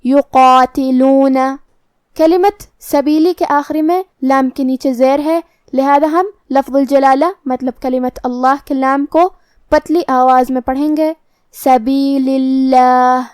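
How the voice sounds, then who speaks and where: A woman with a Pakistani Urdu accent and a high voice gives a methodical tajweed lesson. She explains each rule in order, then recites the word slowly. The sound is dry and close, with no room echo. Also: steady tone, a little mellow. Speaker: Quran recitation teacher.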